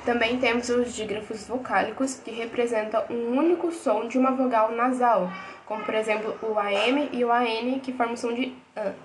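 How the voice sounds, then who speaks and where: Woman reading grammar notes, high voice. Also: normal speed, slight background noise, rough recording. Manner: steady list-like reading of rules and examples. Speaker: teacher.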